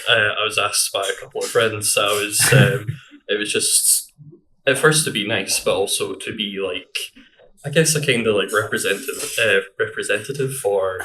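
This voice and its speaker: A man's voice: fairly low pitch, pushed and bright, rough recording. A young man with a Glaswegian accent, rambling casually with lots of fillers as a mentorship volunteer. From Glasgow, Scotland. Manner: rambling, filler-heavy, laughs often. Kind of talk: casual interview answers.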